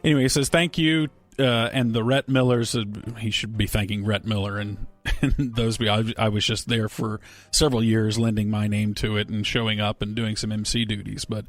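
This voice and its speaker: A man's voice: fairly low pitch, fairly even intonation, moderate pace, hardly any pauses, soft background music. A man hosting a casual radio talk show, rambling and joking as he reads listener emails and banters with his co-hosts. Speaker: radio host. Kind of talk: casual sports radio chat.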